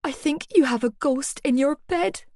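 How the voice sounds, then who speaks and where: A jumpy, frightened teenage girl, voiced by a woman reading an audiobook, pleading in a high, shrill rush. The sound is close and dry, with no room around her, as in a storybook reading. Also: normal speed, warm tone, no room sound. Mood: panicked.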